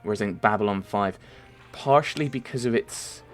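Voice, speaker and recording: Talking a little fast in a fairly low voice, this young Merseyside man rambles casually through viewers' questions, dropping many ums and fixing his own words. Game music plays faintly in the background.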